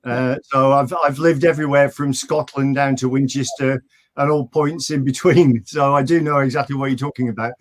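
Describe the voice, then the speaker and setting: A man's voice: mid-range voice, fairly even intonation, normal speed. A man with a slight northern English accent hosting a local online news show from a virtual studio, chatty and friendly. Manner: friendly scripted intro, then chatty. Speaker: host. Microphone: video call.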